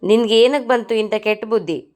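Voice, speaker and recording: A woman's voice: fairly high pitch, moderate pace, darkish tone, close to an everyday voice. A woman voicing an angry young man in a soap recap, harshly accusing and insulting a woman. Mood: furious.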